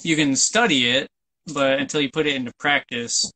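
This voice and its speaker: A man's voice: mid-range voice, moderate pace, pushed and bright, dry recording. A man in his thirties, a guest on a casual interview, telling a story in an easygoing, rambling way. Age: 30s. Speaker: sailing vlogger guest. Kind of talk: casual chat.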